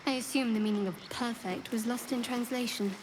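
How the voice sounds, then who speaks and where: Eine sarkastische Heldin aus einem Videospiel, gespielt von einer Frau, hell und neckend. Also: female voice, a little high, fairly even intonation, fairly quick, close to an everyday voice. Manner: dry, teasing sarcasm. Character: wry, sardonic female cleric companion. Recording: game audio with noise.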